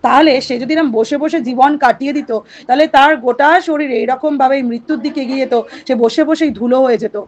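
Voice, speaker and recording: A woman explaining a poem to her students, asking questions and reading lines of verse slowly. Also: sits high, fairly even intonation, a little mellow. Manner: talks directly to students, asks and answers her own questions. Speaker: literature teacher.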